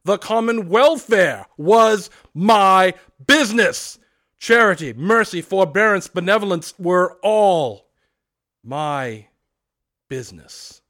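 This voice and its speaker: A man voicing a tormented old male ghost, speaking loudly, slowly and with great solemnity. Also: high-pitched, animated, voice pushed up, heavily acted. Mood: thundering. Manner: loud, slow, declamatory. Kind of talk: storybook reading.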